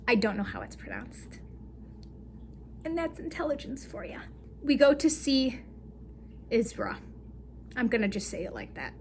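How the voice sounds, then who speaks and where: A woman's voice: a little high, slight background noise. A young woman recapping a book in a casual, giggly, rambling way, breaking into laughter as she talks. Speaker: book vlogger.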